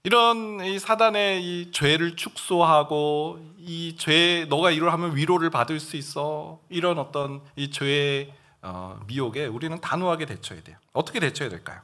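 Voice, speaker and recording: A man's voice: fairly high pitch, normal speed, hardly any pauses, bright, forceful tone. A middle-aged male pastor preaching a sermon in a church, acting out tempting voices and bold replies in quoted lines. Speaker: senior pastor. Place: church sanctuary.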